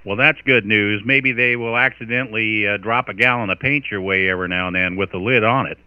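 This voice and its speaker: A man's voice: on the low side, brisk, highs cut off, background noise. An American man working as a radio net controller, making marine radio-style calls with phonetic call signs and casual asides. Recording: band-limited radio transmission.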